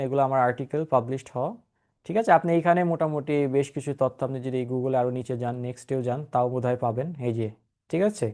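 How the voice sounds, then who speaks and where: A man with a Bangladeshi accent leads an online spoken English class over a computer mic. He explains in Bengali with English phrases mixed in. He keeps pausing to check that students follow. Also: on the high side, darkish tone. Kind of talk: online class with screen share.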